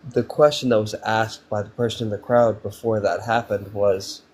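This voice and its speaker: A man's voice: on the low side, level tone, normal speed, darkish tone, breathy edge. Dry-toned man in his twenties. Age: 20s. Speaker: guest caller on a live stream. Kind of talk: casual debate chat.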